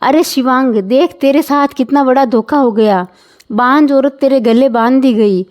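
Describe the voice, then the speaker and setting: A woman's voice: high voice, measured pace, darkish tone. A woman voicing a strict, traditional older mother-in-law with a scolding, insistent manner, in a storybook reading.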